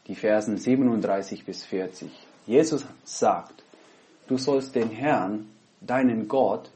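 A Dutch-accented man, a pastor, preaches and prays in a calm, earnest way, breaking his thoughts into short phrases. His voice sits low and sounds warm and soft rather than bright. He speaks close into a headset microphone from home. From Netherlands. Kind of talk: online sermon and prayer. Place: home, recorded at a laptop.

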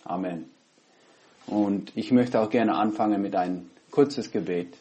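A Dutch-accented man, a pastor, preaches and prays in a calm, earnest way, breaking his thoughts into short phrases. His voice sits low and sounds warm and soft rather than bright. He speaks close into a headset microphone from home. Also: measured pace. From Netherlands. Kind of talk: online sermon and prayer. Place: home, recorded at a laptop.

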